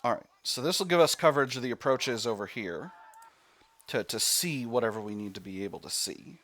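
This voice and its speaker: A man commentates on his own video game session. His voice sits at an average pitch. He works through decisions out loud, step by step, with mild exclamations. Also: animated, fairly quick. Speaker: let's play host.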